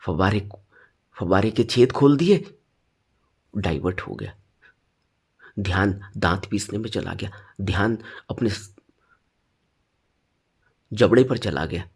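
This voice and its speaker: A man teaching meditation in a spoken dharma talk, stressing points with sudden rises and then dropping low. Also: animated, takes it slowly, pauses often, a little mellow, husky.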